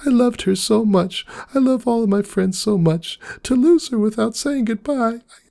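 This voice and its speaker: A man's voice: very high-pitched, moderate pace, creaky, mellow, voice pushed up. A man doing a tearful pink pony girl. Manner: tearful, pleading. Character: grieving young female pink pony, hearing voices. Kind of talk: fan fiction dramatic reading.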